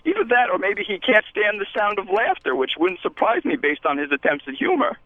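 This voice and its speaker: A man voicing an excitable, defensive male puppet who calls in over the phone and rambles, quick to get riled up. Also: high voice, no room sound, heavily acted. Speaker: caller. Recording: tinny phone line.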